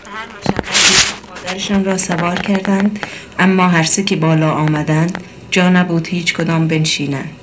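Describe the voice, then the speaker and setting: A woman with a lowish voice reads a story aloud, unhurried and steady. She carries the narration evenly and lifts her tone a little when characters speak. A faint hiss sits under the recording. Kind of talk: scripted story reading.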